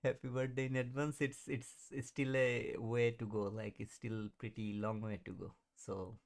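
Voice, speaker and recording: This thirty-something trading livestream host has a gravelly, mid-range voice with a level tone and moderate pace. He chats casually, fields viewer questions, laughs a lot, and mutters at the chart while keeping an eye on it.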